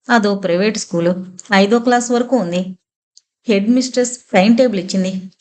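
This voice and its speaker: A woman reading a novel aloud as an audiobook narrator, giving every character's lines in her own voice. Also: medium pitch.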